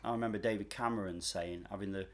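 A man's voice: lowish voice, fairly even intonation, quick pace. A man co-hosting a casual chat, talking with frequent restarts and strong opinions. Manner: hesitant, restarts often, opinionated. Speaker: podcast co-host, former mental health worker.

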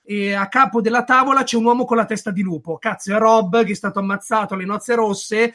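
High-voiced man arguing animatedly. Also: a little fast. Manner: animated, argumentative, swears. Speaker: podcast co-host. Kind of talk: heated casual discussion.

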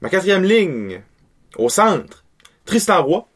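A man's voice: sits high, big pitch swings, takes it slowly. A man co-hosting a casual hockey podcast, laid-back, giving short replies and listing his picks. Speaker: podcast co-host.

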